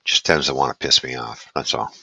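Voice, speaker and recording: A man hosting a casual live stream, chatting in a relaxed, rambling way and greeting viewers while he eats. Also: extremely low pitch, a little fast, vocal fry, breathy edge, no room sound. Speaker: livestream host.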